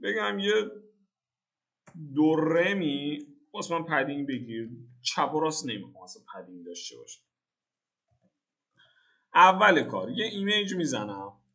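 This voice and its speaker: A young man from Iran walks through his code in a casual screen-recorded tutorial. He thinks aloud in slang, cracks jokes and corrects himself as he goes. His voice sits a little high for a man. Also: very animated, pauses often, sharp tone. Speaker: programming tutor.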